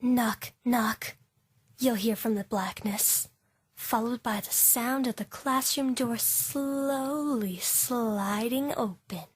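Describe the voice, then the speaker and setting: Speaking a little high with a breathy edge, this actress gives an anime fan-dub schoolgirl a dramatic, spooky storytelling style, whispering and drawing out her ghost story in an ominous way. The character scares easily, and the eerie piece has no echo, just background music beneath.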